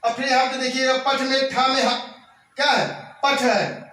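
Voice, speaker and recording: A man teaching a classroom grammar lesson, reciting verb forms slowly and explaining each step. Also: very high-pitched, steady tone, pushed and bright, a little hiss or hum. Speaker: Sanskrit teacher. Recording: echoey room, voice from a distance.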